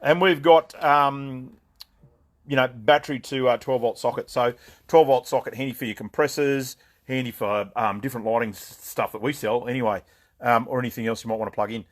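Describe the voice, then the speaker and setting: A man's voice: mid-range voice, fairly even intonation, brisk. Chatty Australian man hosting a live stream. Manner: chatty, greets viewers by name, rambling with fillers and jokes. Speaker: gun shop owner hosting a live stream. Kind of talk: casual live-stream product chat.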